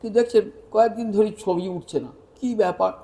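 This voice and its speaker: High-voiced man preaching a story sermon. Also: a little fast, gravelly. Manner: animated, acts out the dialogue of the tale.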